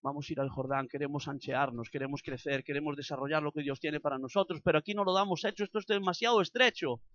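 Impassioned Spanish preacher, bright tense voice. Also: male voice, fairly high pitch, quick pace, dry recording, highs cut off. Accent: Spanish from Spain. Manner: builds to loud impassioned preaching, with acted prayers. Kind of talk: sermon.

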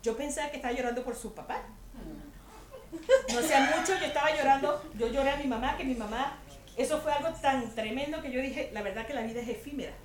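High-voiced woman preaching in an echoey room. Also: a little fast. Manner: chatty, humorous, asks the audience rhetorical questions. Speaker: women's ministry speaker. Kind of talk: conversational sermon to a women's group. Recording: echoey room with faint ambience.

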